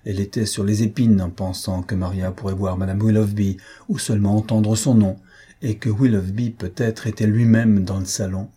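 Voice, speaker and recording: A man narrates a classic novel at a measured, even pace. His voice is low, mellow and husky, with a breathy grain. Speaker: audiobook narrator.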